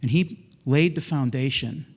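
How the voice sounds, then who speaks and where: A middle-aged man telling a personal faith story in an earnest, halting way, often restarting and repeating words. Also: medium pitch, vocal fry.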